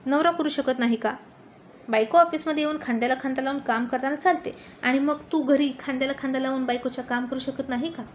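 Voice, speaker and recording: A woman reading the lines of a quick-tempered young wife who scolds her husband. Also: a little high, a bit bright, a little hiss or hum, close to an everyday voice. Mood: indignant.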